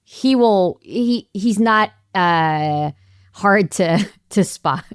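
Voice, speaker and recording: A woman hosting a podcast interview from her home studio, relaxed and asking playful quick-fire questions. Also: medium pitch, clean tone, dry recording. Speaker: podcast host. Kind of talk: casual interview chat.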